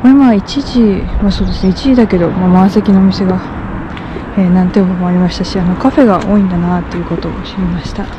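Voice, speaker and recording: A woman's voice: on the low side, fairly even intonation, fast talker, muffled recording. Woman murmuring while walking busy streets. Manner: muttering to herself, hushed near passers-by, many fillers. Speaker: walking vlogger. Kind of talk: solo walking commentary. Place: outdoors on city streets. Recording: street noise behind.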